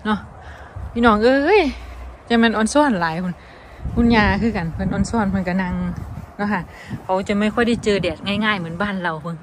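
A woman's voice: mid-range voice, a little fast, noisy background. A woman with an Isan Thai accent, chatting casually to her viewers in a vlog while showing a garden outdoors. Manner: chatty, addresses viewers as brothers and sisters. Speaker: vlogger.

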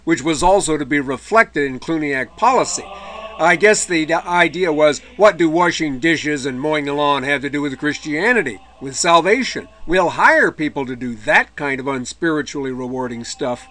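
A man's voice: on the high side, normal speed, sharp tone. Man lecturing with dry asides. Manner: conversational asides, dry humor. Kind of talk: recorded history lecture.

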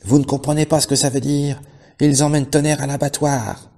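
A grumpy old donkey in a storybook, shouting frantic warnings in a strained, raised voice far above the reader's own low tone. A man puts him on while reading aloud. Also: fairly even intonation, brisk, vocal fry. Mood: alarmed shouting. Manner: shouting in alarm.

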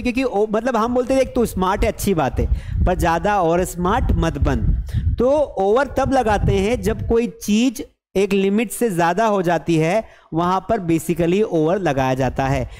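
A man's voice: sits high, slight background noise. A young man teaching an online English lesson in a classroom with a blackboard, mixing Hindi and English and joking with viewers over a headset mic. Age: young adult. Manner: animated, mixes Hindi and English, jokes with viewers. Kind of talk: live online lesson, chatty.

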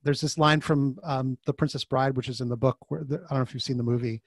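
This podcast guest, a male author and design facilitator, speaks fast at medium pitch over a video call. In a casual, conversational interview he stays animated, performing the quoted voices as his stories unfold. No room sound is audible.

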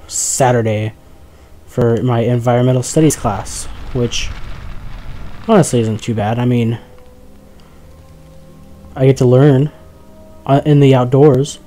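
A young man talks his viewers through a game in a loose, rambling way, cracking bad jokes and yelping when something startles him. His voice is mellow and soft-edged, pitched in an ordinary middle range for a man. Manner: chatty, jokey, talks to the viewers, easily startled. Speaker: gaming commentator. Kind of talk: casual let's play commentary.

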